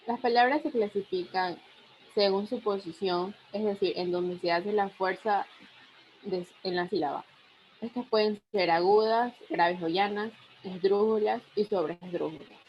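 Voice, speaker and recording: A woman's voice: medium pitch, measured pace, slight background noise. A young adult woman giving a university class presentation, reading steadily and listing example words one by one. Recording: dull lo-fi recording.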